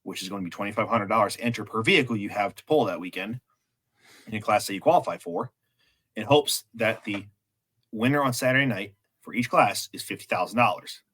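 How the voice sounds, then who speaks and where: A man co-hosting a podcast, explaining at length with halting restarts. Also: fairly low pitch, a bit bright, breathy edge. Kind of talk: casual chat.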